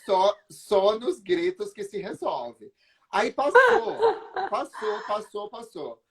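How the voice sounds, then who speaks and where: A man's voice: sits high, takes it slowly. A man with a Brazilian Portuguese accent, a guest on a video call, telling a comic anecdote with lots of acted-out quotes and laughter. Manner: lively storyteller, acts out quotes, laughs often.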